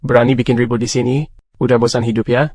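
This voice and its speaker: A man plays a blustering project manager who speaks in a flat, level tone at a middle pitch. He is quick to bark orders but easily cowed. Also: no room sound, close to an everyday voice. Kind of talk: short drama acting.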